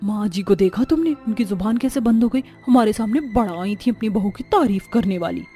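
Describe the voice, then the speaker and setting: A woman's voice: mid-range voice, brisk, warm tone, soft background music, natural voice. A woman voicing a scheming young sister-in-law who mocks and frames the new bride. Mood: mocking. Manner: sneering, mocking. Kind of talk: dubbed cartoon story voice.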